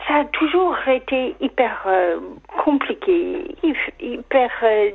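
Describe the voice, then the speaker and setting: Slow halting woman caller, stops and restarts a lot, muffled lo-fi phone sound. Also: fairly high pitch, expressive, gravelly, husky. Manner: hesitant, many halting restarts. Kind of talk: emotional radio call-in confiding. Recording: dull lo-fi phone line.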